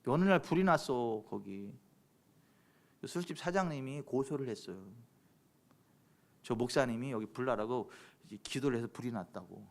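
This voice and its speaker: A man preaching a sermon in church as pastor, questioning members of the congregation by name and moving between loud exclamations and hushed low passages. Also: lively intonation, moderate pace, long pauses. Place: church sanctuary.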